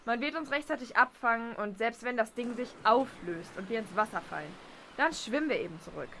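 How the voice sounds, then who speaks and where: Casting: woman as a bossy, pushy young woman, highish voice, clear background noise. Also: animated, bright, forceful tone. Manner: pushy, brisk.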